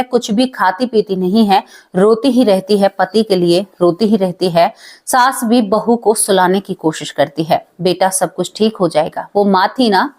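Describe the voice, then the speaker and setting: A woman's voice: medium pitch, darkish tone. Emotive woman telling a ghost story. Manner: emotive, addresses listeners as friends. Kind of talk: dramatic spoken story narration.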